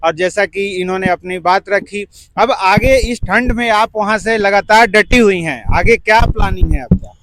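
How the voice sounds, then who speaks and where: A man reporting live from an outdoor protest ground, speaking haltingly with many fillers. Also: high-pitched, fairly bright tone. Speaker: field reporter.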